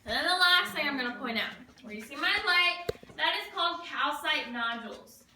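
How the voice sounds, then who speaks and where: A woman's voice: high-pitched, animated, a little fast, pushed and bright, recorded from a distance. A woman working as a cave tour guide, giving semi-rehearsed tour narration with her voice echoing in the cave. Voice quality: cave echo on the voice. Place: inside a show cave. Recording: echoey cave, off-mic, faint noise.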